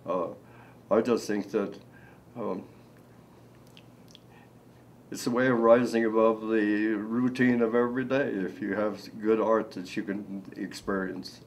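An older man with a somewhat low voice speaks slowly and haltingly, pausing often with ums and uhs. He is an artist from Nebraska giving a seated indoor interview. A faint low rumble sits under the recording. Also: steady tone, low-quality recording. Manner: slow, halting, with many fillers. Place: indoor room.

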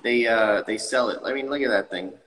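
Man in his 30s, tile business owner, eager and animated, bright forceful tone, reverberant webcam sound. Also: mid-range voice, fairly quick, a little hiss or hum. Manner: enthusiastic, animated hand gestures. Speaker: tile company owner, guest. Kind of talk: casual interview talk. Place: tile showroom, indoors. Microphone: video call webcam.

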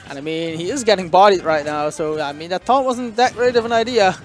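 A man adds casual color commentary to a live fighting-game match, loose and full of "I mean" and "yeah". His voice sits slightly high. Music plays clearly underneath him. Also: fairly quick. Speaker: esports co-commentator.

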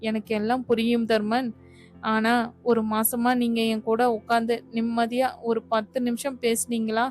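Woman voicing a sulky young wife, reproachful, higher voice, level tone, audio story. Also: level tone, moderate pace, darkish tone, soft background music, lightly acted. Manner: reproachful, pleading. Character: young wife Mathi, a teacher, hurt and sulky.

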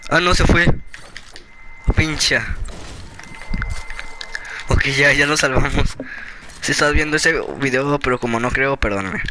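A man's voice: mid-range voice, unhurried, long pauses, noisy background. A man hosting a gameplay video, joking and laughing with friends in casual chat. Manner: playful, joking, laughs a lot. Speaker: gaming video host.

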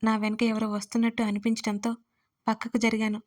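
A woman voicing a tender, protective young man lying injured in a hospital bed, speaking softly and gently. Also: high voice, monotone, brisk, lightly acted. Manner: soft, gentle calling.

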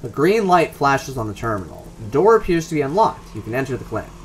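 A man's voice: mid-range voice, sing-song, quick pace, faint music behind. A man hosting a game playthrough, reading the game's descriptive text aloud with casual asides. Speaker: let's play host reading game text.

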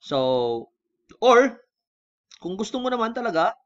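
A man with a Filipino accent hosts a relaxed screen-recorded tutorial. He mixes Tagalog and English and keeps checking in with the viewer. His voice sits a little high, and the recording sounds dull and lo-fi. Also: slow. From Philippines. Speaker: online tutorial host.

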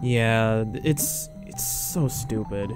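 A man giving casual gameplay commentary as a let's play host, rambling and halting with many fillers and restarts. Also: fairly low pitch, darkish tone, faint music behind.

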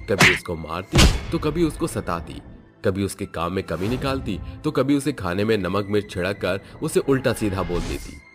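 A man narrating an animated family story in a steady storytelling manner. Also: on the low side, moderate pace, over loud music.

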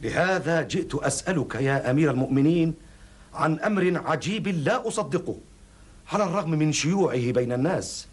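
A man's voice: on the high side, expressive, fairly quick, close to an everyday voice. A middle-aged man playing an earnest, outspoken counsellor in a classical Arabic historical drama, speaking formally and with rhetorical emphasis. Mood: grave. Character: earnest, outspoken male counsellor questioning his caliph.

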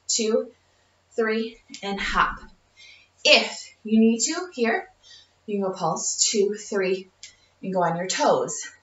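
Breathless woman counting home workout reps. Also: medium pitch. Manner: counts reps aloud, encouraging, laughs between cues. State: short of breath. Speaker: fitness instructor. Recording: dull, roomy audio from a distant camera.

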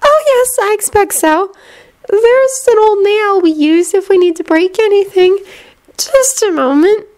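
A woman reading a story aloud and voicing a dreamy, distant young witch girl who speaks softly as if her mind were far away. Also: extremely high pitch, unhurried, voice pushed up. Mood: dreamy, helpful. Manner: soft, dreamy, faraway way of talking.

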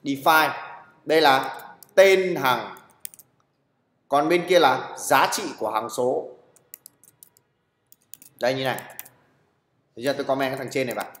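A man's voice: on the high side, fairly bright tone. Blunt, teasing man teaching in an echoey classroom. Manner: blunt, teasing, constantly checks with "right?". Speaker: programming teacher. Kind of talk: classroom lecture. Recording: echoey room with long reverb.

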